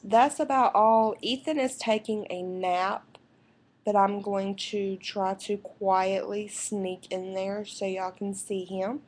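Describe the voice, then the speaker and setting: Slow, rambling young woman. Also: medium pitch, steady tone, darkish tone. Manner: rambling and unhurried, with fillers and restarts. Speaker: vlogger and new mother. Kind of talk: casual rambling life update. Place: indoors at home. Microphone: computer webcam microphone.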